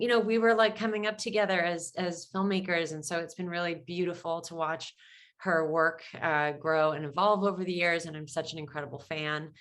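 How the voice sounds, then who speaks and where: A woman's voice: on the low side, a bit bright. A woman moderating a panel over a video call, enthusiastic and gushing, with lots of filler words in casual conversation.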